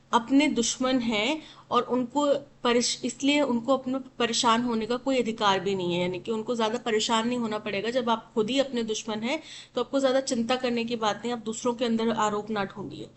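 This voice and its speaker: Female English tutor, a little high-pitched, explains in Hindi and spells words out letter by letter. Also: fairly even intonation, normal speed, a little hiss or hum, low-quality recording. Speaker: English teacher. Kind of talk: exam-prep vocabulary lesson.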